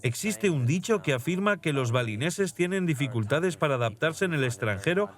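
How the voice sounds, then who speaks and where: A calm, easygoing young prince with a slightly high voice, as a male dub actor voices him. He speaks reflectively and steadily in a documentary voice-over. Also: moderate pace, natural voice. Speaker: dubbed interviewee voice-over.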